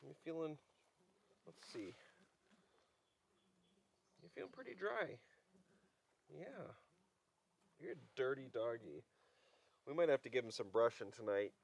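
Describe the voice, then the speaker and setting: A man vlogging casually from a wilderness campsite, chatting in a relaxed way and gently coaxing his dog. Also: medium pitch, measured pace, gravelly, long pauses. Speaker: outdoor vlogger. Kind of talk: casual vlog narration.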